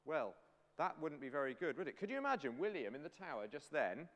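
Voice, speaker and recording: Brief: male preacher, animated storytelling sermon, long church reverb. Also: on the high side, fairly quick. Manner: animated storytelling, addresses listeners directly.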